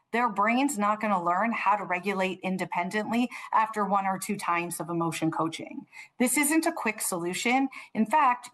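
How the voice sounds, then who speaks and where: A woman presenting a parenting webinar in a calm, measured, explanatory way. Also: mid-range voice.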